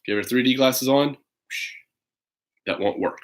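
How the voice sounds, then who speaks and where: During a casual livestream, a man in his thirties reads a children's picture book aloud as a parent, rambling and hesitant with playful asides. He speaks at medium pitch and normal speed.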